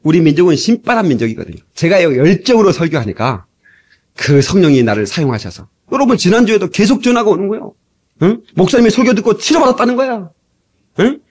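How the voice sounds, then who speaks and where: A man preaching an impassioned sermon as pastor, shouting exhortations and acting out voices, recorded on old cassette tape. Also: high-pitched, sing-song, quick pace, husky. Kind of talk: fiery sermon.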